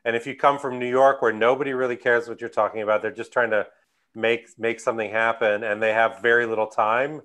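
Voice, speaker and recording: With a medium-pitched, slightly bright voice and little pitch movement, a man from the U.S. Midwest talks briskly. He's answering questions on a conference panel via video call, hesitant and restarting often amid plenty of fillers.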